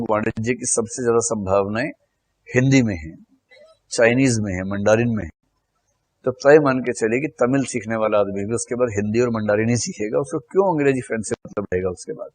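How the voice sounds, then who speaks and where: A middle-aged male teacher lectures in a relaxed, conversational way, tossing in rhetorical questions as he explains. His voice sits at an ordinary pitch. The recording is dry and close, with almost no room sound. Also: fairly quick, dry recording. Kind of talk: classroom lecture.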